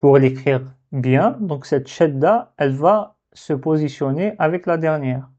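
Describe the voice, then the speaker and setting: A man teaching a lesson on Arabic letters, slowly thinking aloud as he works through a dictation exercise. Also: a little high, expressive, darkish tone. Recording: dull lo-fi sound.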